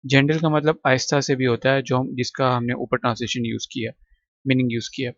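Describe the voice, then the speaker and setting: A man explains English vocabulary, repeating words to fix their pronunciation. His voice sits at an ordinary middle pitch. The recording is dry and a little dull, with no room sound. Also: level tone, a little fast, no echo. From Pakistan. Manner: says "ठीक है" between points. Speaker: English teacher. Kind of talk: textbook vocabulary lesson.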